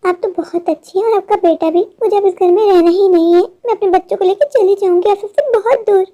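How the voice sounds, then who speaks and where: A woman's voice: very high-pitched, a little fast, highs cut off. A woman voicing an indignant young daughter-in-law in a cartoon story, complaining about her in-laws. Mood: defiant.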